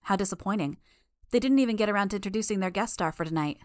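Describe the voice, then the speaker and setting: A woman's voice: mid-range voice, racing, no echo, studio quality. A woman voicing a smug young female villain who speaks through a hissing gas mask, taunting her foes. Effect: robotic monotone hiss.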